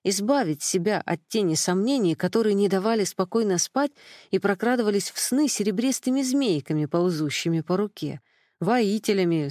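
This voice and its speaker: A woman narrating a first-person audiobook in a calm, even storytelling manner. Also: on the low side, no room sound, studio quality.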